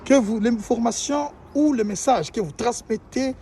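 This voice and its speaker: A man's voice: very high voice, unhurried, mellow, slight background noise. A male journalist asking interview questions, rephrasing and repeating them with many fillers.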